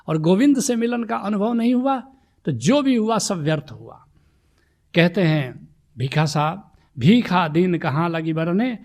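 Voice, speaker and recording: A man giving a sermon as a spiritual teacher, reciting devotional verses slowly and then urging his listeners with rhetorical questions. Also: sits high, vocal fry.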